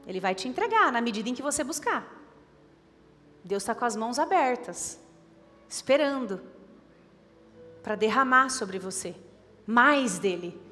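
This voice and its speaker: A woman's voice: high voice, fairly bright tone, long reverb tail. A woman with a Brazilian Portuguese accent preaching a sermon, urging and repeating her points with emphasis. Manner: emphatic, repetitive exhortation. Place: church.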